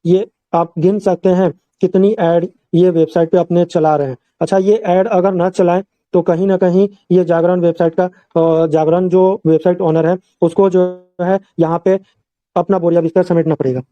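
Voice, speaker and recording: A man's voice: high voice, little pitch movement, moderate pace, mellow, no room sound, lo-fi sound. A man from India presenting an online earning plan in a screen-share walkthrough, explaining step by step and repeating himself often. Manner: repetitive, explains step by step with many fillers.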